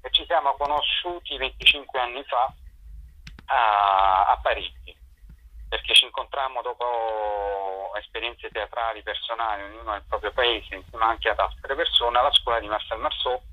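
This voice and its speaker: A middle-aged theatre director and performer answers interview questions informally in a mid-range voice at normal speed. He hesitates and hunts for words as he explains, and the recording has a dull, lo-fi telephone-radio sound.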